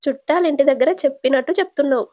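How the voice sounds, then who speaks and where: A woman's voice: high voice, very fast, warm tone, natural voice. A woman doing a teasing, affectionate younger sister. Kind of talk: casual retelling of a TV serial.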